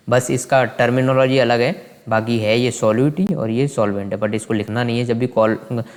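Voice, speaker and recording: A male science teacher explaining a lesson to students. He asks quick questions, answers them himself, and often corrects himself mid-sentence. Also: medium pitch, a little mellow, big-room sound.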